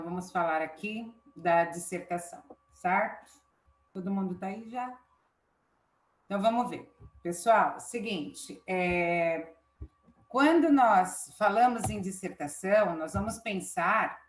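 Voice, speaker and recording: A woman's voice: medium pitch, slow, a little hiss or hum. Chatty Brazilian woman teaching a class. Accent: Brazilian Portuguese. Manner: chatty, checks in with students often. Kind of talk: live online class. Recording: roomy, dull lo-fi sound.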